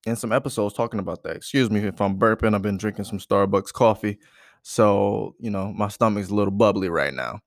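A man in his thirties, originally from Ohio, hosts his own podcast in a loose, candid monologue full of "um"s. His voice sits somewhat low with a smooth, resonant tone. The sound is close and dry, with no room around it. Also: no echo. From Ohio, USA. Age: 30s. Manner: rambling, many "um" fillers, relaxed and candid. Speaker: podcast host. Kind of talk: casual solo podcast monologue.

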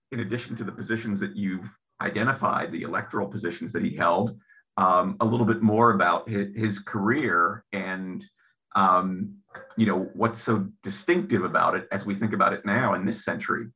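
Gravelly, bright-toned male host. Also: lowish voice, rough recording. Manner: measured, with frequent ums. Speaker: interview host. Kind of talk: interview hosting.

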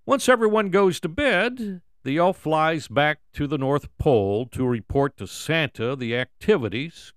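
A man's voice: fairly high pitch, no room sound, studio quality. An older man, delivering a scripted monologue as a radio show host.

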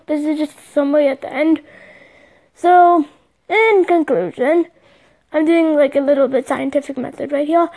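A woman's voice: high voice, a little mellow. A young woman hosting a casual solo podcast, chatting in a rambling way with lots of fillers, recorded on a phone mic. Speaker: podcast host. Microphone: phone microphone.

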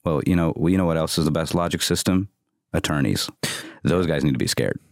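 A man in a casual podcast conversation, excitable and joking, agreeing often and restarting his sentences. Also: extremely low pitch, brisk, vocal fry, dry recording, studio quality.

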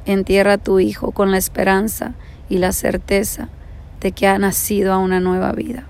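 A woman voicing a serene male Buddhist master who speaks slowly and calmly in a spoken parable. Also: medium pitch, vocal fry, close to an everyday voice. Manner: slow, composed and consoling.

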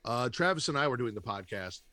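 A man's voice: mid-range voice, lively intonation, a little fast, pushed and bright, no room sound. A man bantering casually as a podcast host, with a wry, teasing manner.

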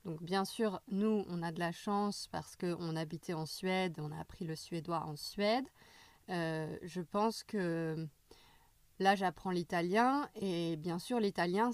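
A woman speaking slowly and a little low in casual conversation. She pauses often and restarts her sentences. The sound is dry and close. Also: no room sound. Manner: hesitant, frequent euh and restarts. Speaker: language learning chat partner. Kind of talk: casual conversation with many fillers.

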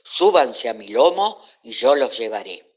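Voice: medium pitch, measured pace. A narrator doing Oreo, a friendly tame cat. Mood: inviting. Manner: calm, friendly and inviting.

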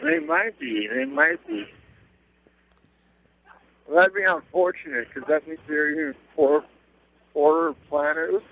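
A man phones in to a live show from his cell on a moving bus, chatting casually and calling people dude. His voice is fairly high and animated, at a measured pace with vocal fry and frequent pauses, and the tinny phone line keeps cutting out.

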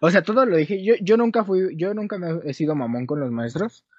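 This young adult speaks with a Mexican Spanish accent, a high-sitting voice, lively intonation, and a fairly quick pace. The recording is dull, dry, and lo-fi as he rambles through a story among friends, correcting himself along the way.

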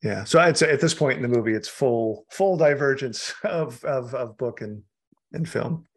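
A man's voice: medium pitch, normal speed, breathy edge. A man, an author guest, chatting casually through a film commentary, laughing often and restarting his sentences.

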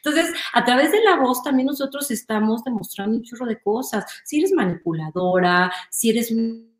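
A woman with a Mexican accent talks in a lively, explanatory way as an interview guest, often checking in with "¿no?". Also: fairly high pitch, normal speed. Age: adult, a mother. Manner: animated, explanatory, often asks "¿no?". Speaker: guest, image consultant. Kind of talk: conversational interview. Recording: roomy echo.

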